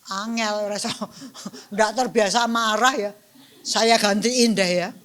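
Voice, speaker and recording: A middle-aged woman giving a lively, playful dharma talk, acting out scenes and speaking with a group. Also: medium pitch, slow. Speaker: dharma teacher.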